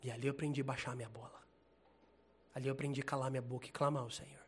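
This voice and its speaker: A man preaching an informal sermon in a casual, animated, slangy way, laughing often. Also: medium pitch, rapid-fire, slightly rough.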